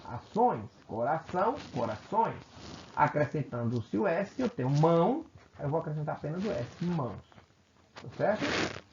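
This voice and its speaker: Lively Brazilian teacher in an echoey room. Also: male voice, on the high side. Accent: Brazilian Portuguese. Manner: explains step by step with frequent check-ins; self-correcting, repeats phrases. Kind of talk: recorded grammar video lesson. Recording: echoey room, muffled lo-fi sound with faint hiss.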